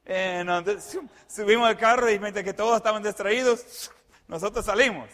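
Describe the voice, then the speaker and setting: A man telling a personal anecdote in a lively way, adding sound effects and fillers. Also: high voice, brisk. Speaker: storyteller. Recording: long hall reverb.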